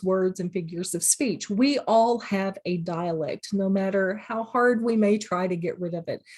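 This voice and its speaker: A woman's voice: mid-range voice, darkish tone. A middle-aged woman, a college instructor, giving a recorded lecture in a plain, practical way, with examples from her own classroom.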